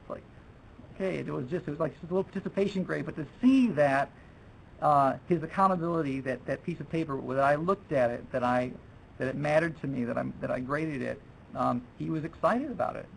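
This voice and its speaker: A man's voice: on the high side, fairly quick, creaky, slight background noise, low-quality recording. A man presenting a teaching workshop to fellow teachers in a chatty way, restarting his sentences and dropping in French phrases.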